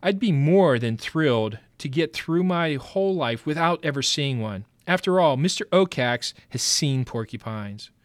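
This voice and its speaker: A man's voice: on the high side, animated, unhurried, hardly any pauses, dry recording. A man reading as a pompous old mouse elder. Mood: grave, pompous. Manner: solemn, self-important lecturing. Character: grave, pompous older male mouse elder.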